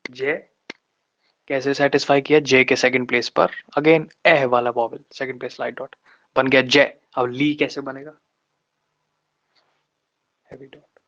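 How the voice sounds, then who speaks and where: A man teaching shorthand in a live online lesson, explaining step by step with patient pauses and slowing down to spell out terms. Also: mid-range voice, a bit bright. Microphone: online class microphone. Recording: dull lo-fi online class audio.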